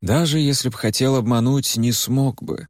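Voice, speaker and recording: A man voicing a protective male fire spirit in a measured, steady way. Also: medium pitch, dry recording, studio quality, pitched above the performer's own voice, natural voice. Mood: grave. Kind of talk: audiobook character voice.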